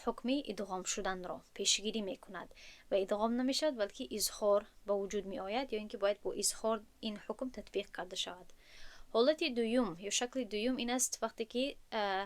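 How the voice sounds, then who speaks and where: A woman from Tajikistan with a Tajik Persian accent, teaching a tajwid lesson with patient explanations and slow, drawn-out recited examples. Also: mid-range voice.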